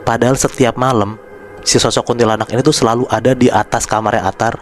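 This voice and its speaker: A man hosting a podcast, telling a horror story in a relaxed, chatty way and addressing his listeners by name. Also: mid-range voice, quick pace, soft background music. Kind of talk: casual spoken storytelling.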